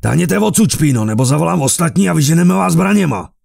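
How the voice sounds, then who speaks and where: A man's voice: fairly high pitch, expressive, creaky, breathy edge, no echo, clean studio sound, pitched above the performer's own voice, exaggerated voice. A man voicing a furious proud officer. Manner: shouting, spitting defiance. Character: proud battered noble officer, hot-tempered.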